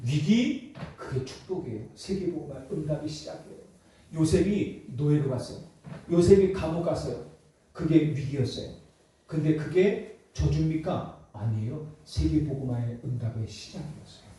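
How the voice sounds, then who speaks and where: A male pastor delivers an emphatic sermon and keeps putting questions to his listeners. His voice sits high but sounds mellow and dark. It comes from a distance and echoes through a large church hall. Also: moderate pace. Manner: emphatic, many rhetorical questions to the congregation. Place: church sanctuary.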